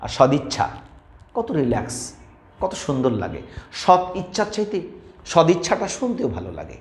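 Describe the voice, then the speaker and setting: A man's voice: a little high, wildly swooping pitch, normal speed. A man teaching a grammar lesson, explaining step by step and asking students to say words aloud. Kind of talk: classroom video lesson. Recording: echoey room.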